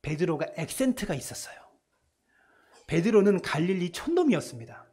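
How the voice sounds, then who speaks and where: A male pastor preaching a Sunday sermon in a church, swinging between hushed soft lines and loud emphatic ones. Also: sits high, sing-song, a little fast, slightly rough. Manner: acts out voices in retelling scenes.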